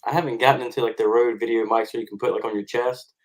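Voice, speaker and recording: A man's voice: mid-range voice, fairly even intonation, fast. A man, a farmer guest on a podcast, explaining and telling stories casually.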